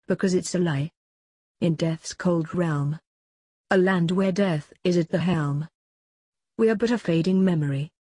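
Verblassender Frauengeist in einer Hörgeschichte, Frau liest, dunkler Klang, trocken. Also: female voice, fairly low pitch, warm tone, breathy edge, no echo. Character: frightened dying woman ghost.

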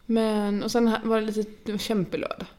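Chatty Swedish woman telling family stories. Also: medium pitch. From Sweden. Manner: chatty, animated storytelling. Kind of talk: casual chat.

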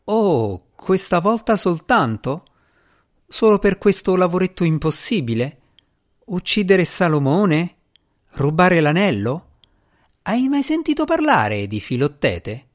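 A man's voice: medium pitch, animated, unhurried, natural voice. A man voicing a sarcastic, boastful male djinni spirit in the shape of a boy, reading an audiobook with mocking, theatrical sarcasm. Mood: sardonic.

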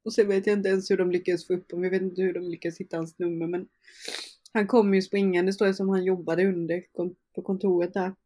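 Young woman, warm dark tone, casual storytelling, lots of fillers and quoted dialogue. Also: fairly low pitch, flat delivery. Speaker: interview guest. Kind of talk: personal storytelling in conversation.

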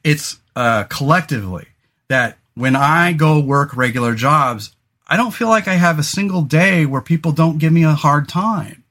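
A man in his forties hosts a podcast, rambling casually with lots of fillers and restarts and some offhand swearing. His voice is fairly high-pitched with a fairly bright tone.

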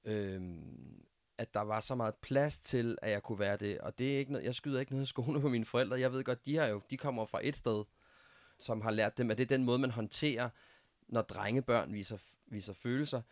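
A man's voice: medium pitch, no room sound, clean studio sound. A man hosting a podcast interview, speaking hesitantly and searching for his words with many fillers. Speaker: podcast host. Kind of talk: conversational interview.

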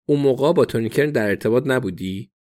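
Man voicing male detective, dry, probing questions, mid pitch, storybook. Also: darkish tone, natural voice.

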